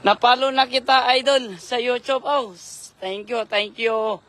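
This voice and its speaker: A hoarse man doing casual live-stream commentary on a night fishing trip, giving shout-outs and spelling names for viewers. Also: very high voice, steady tone, measured pace. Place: outdoors at night by the water.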